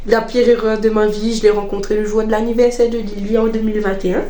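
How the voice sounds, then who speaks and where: A woman gossiping in an animated, casual way as she tells personal stories, repeating phrases for emphasis. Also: medium pitch, quick pace. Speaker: vlogger telling personal stories. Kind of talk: casual gossipy storytelling chat. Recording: echoey room, faint background noise.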